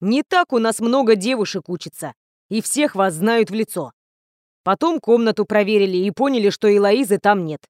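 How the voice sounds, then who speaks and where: A woman's voice: mid-range voice, expressive, normal speed, no room sound, studio quality, natural voice. Woman voicing a grim, stern male teacher. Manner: curt, grim, authoritative. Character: weary stern middle-aged male teacher.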